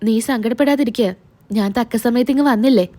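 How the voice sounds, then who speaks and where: A woman reads a protective young man in a retold TV serial, calm and reassuring. He speaks gently, in the narrator's own high voice. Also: fairly quick, natural voice. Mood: comforting.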